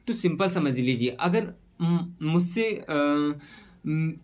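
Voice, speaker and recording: A man teaching a physics lesson at a whiteboard, asking questions and answering them himself, repeating key terms slowly. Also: fairly high pitch, lively intonation, a little mellow. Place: room with a whiteboard.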